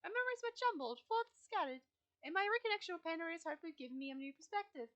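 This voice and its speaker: Woman doing ancient cosmic blue spirit, solemn, measured, high bright voice. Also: lively intonation, lo-fi sound.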